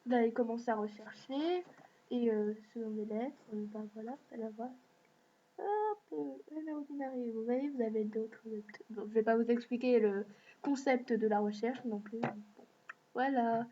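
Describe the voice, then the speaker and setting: A woman's voice: on the high side, moderate pace. Hesitant woman giving an app walkthrough. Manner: hesitant, many fillers. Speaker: video host. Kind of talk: screen-recorded app walkthrough. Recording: dull lo-fi mic with faint hiss.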